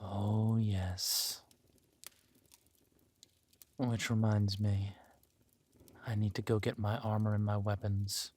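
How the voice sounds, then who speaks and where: In a scripted roleplay audio drama, a man voices a menacing, possessive villain warlord who is also a protective lover. He speaks deliberately and commandingly, slipping into breathy murmurs, with a lowish, flat, slightly mellow voice and a possessive, vengeful mood.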